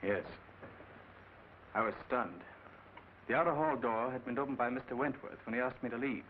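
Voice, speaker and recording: A man's voice: mid-range voice, normal speed, close to an everyday voice. An actor playing a hot-headed, desperate young accused man, in 1940s crime film style. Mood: defensive, tense. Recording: tinny, hissy old film soundtrack.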